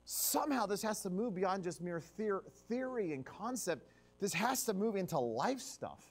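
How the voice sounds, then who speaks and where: A male revival preacher delivering a sermon in a church. His voice sits high and swings widely, sinking to near hushes before climbing back up with force. The delivery is animated and emphatic. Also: normal speed. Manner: animated, drops to a hush and surges up for emphasis. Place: church sanctuary.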